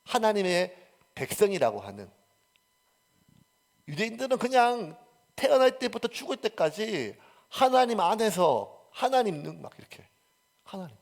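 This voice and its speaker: A male pastor from South Korea, preaching a sermon that swings from loud emphasis to near-whispered asides. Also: high-pitched, very animated, unhurried, creaky, pauses often.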